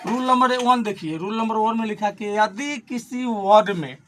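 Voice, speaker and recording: Man teaching slowly, repeating himself. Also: high-pitched, fairly bright tone, slight background noise. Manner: repetitive, asks and answers own questions; slow, stressed explanation. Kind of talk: classroom grammar lesson.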